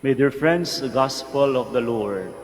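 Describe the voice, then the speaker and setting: A man with a Filipino accent, a priest reading the gospel and preaching a slow, earnest homily at Mass in a large church with a church hall echo. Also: mid-range voice. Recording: long reverb of a large church.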